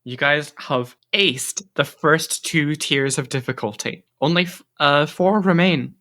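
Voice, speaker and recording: Man, fairly high bright voice, upbeat quiz host. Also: measured pace. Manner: upbeat, encouraging. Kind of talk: hosting a quiz game.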